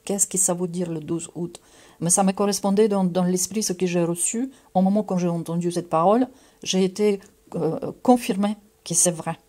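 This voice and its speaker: A middle-aged woman from Ukraine with a Ukrainian accent, giving an earnest personal religious testimony in a halting way, full of fillers and restarts. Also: lowish voice, steady tone, mellow.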